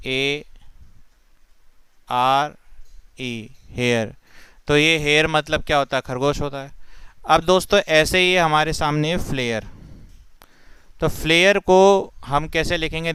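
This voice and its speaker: Casting note: man, Hindi accent, phonics teacher, unhurried and patient, bright crisp tone, dry close sound. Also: a little high, dry recording. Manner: slow, patient, sounds out letters one by one. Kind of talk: spelling lesson explained step by step.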